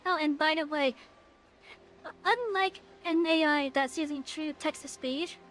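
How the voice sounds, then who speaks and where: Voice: sits high, measured pace, fairly bright tone, faint music behind. A streamer talking casually through an AI voice changer that makes them sound like a woman, often stumbling over words and restarting sentences. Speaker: game streamer. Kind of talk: casual livestream chat while playing.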